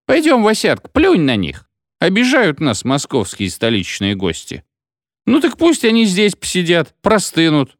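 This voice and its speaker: A drunk, boisterous station chief, as a male reader puts him on, bellowing in a voice that leaps high and swoops wildly. He is quick to take offence. The recording is close and dry. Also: huge pitch swings, dry recording, heavily acted. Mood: indignant. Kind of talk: audiobook character voice.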